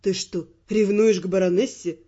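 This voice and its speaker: A woman voicing a confident, teasing young male earl in a lowered, mocking, self-assured tone. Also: fairly even intonation, moderate pace, mellow, dull audio, close to an everyday voice. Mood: wry, confident.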